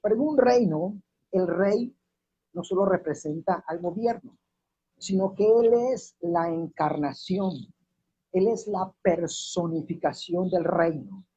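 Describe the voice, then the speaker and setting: Husky preacher with a warm voice. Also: male voice, high voice. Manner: slows and drops his voice to stress key words, repeats verses. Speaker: minister. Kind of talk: sermon. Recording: dull lo-fi recording.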